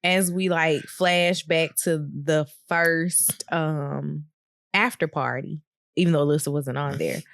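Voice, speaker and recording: A woman co-hosts a casual recap podcast, talking through a TV episode in an easygoing way and laughing often. Her voice sits low and she takes her time. The sound is dry and close. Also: takes it slowly, vocal fry, no room sound. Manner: laughs often, many ums, relaxed storytelling. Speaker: podcast co-host. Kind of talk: casual reality TV recap chat.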